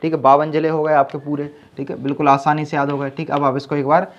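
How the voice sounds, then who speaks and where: Man, teacher, slightly high voice, dull lo-fi sound, repeats and quizzes. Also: little pitch movement, quick pace, slight background noise. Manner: repeats "ठीक है" and quizzes the viewer. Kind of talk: exam-prep lesson with memory tricks.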